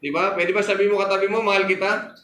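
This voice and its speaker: A man's voice: high-pitched, steady tone, rapid-fire, fairly bright tone, roomy sound, a little hiss or hum, poor audio. A man preaching a sermon as pastor, telling a story and calling out to the congregation for amen.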